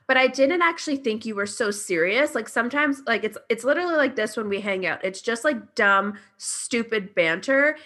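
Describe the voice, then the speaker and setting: A woman's voice: on the high side, animated, moderate pace, hardly any pauses, bright, forceful tone. A woman co-hosting a chat show, telling a trip story in a laid-back way, swearing freely.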